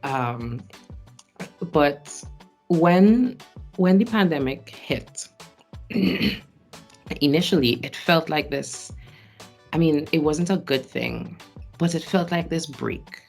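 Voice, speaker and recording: Speaking slowly in a gravelly, animated voice on the high side, this man from Trinidad and Tobago leaves long pauses and laughs frequently between phrases. He's a stage actor and singer in his late twenties, looking back on his experiences in a relaxed interview over faint music.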